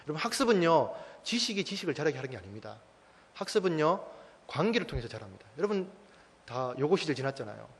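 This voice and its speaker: A man's voice: mid-range voice, very animated, rapid-fire, vocal fry. A man in his thirties, a church staff speaker, giving an emphatic parenting talk to a mothers' group and firing rhetorical questions at the audience. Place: church hall. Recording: long church-hall reverb.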